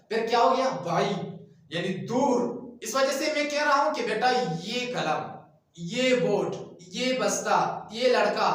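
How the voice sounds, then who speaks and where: A man teaching a grammar class, drilling his students with repeated questions and calling them "beta". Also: very high-pitched. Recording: very echoey room, voice from far off.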